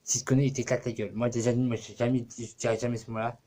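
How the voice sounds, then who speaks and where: This man, a YouTuber, delivers rapid-fire, flat talk in a mellow mid-range voice. Addressing his camera casually for his channel, he wanders off topic, swears, and fills his speech with fillers.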